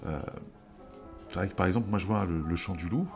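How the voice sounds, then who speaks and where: A man hosting a podcast, chatting casually about films, relaxed and hesitant with many fillers. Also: sits low, fast, vocal fry, faint music behind.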